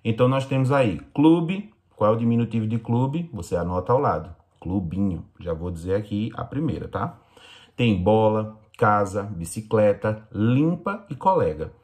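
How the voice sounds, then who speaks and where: A man teaching young children in Brazilian Portuguese, explaining slowly and patiently in a recorded lesson. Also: fairly low pitch, expressive, darkish tone. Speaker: primary school teacher.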